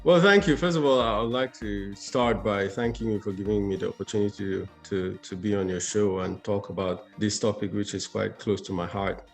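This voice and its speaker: A man from Cameroon, a cardiologist guest, speaking in a measured way and repeating words as he thinks. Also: on the low side, creaky, soft background music. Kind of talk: conversational interview.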